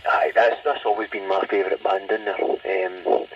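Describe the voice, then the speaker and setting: A man's voice: sits low, level tone, moderate pace, husky. A Scottish man chatting casually over CB radio in an enthusiastic, rambling manner. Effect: CB radio transmission. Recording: muffled, noisy, distant CB radio audio.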